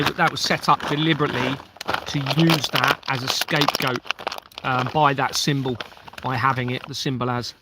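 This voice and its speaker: Heavy background noise surrounds this mid-range male voice. He's a former police officer from southeast England's Kent, hosting an informal livestream, reading viewer comments aloud and rambling earnestly while sometimes forgetting his point.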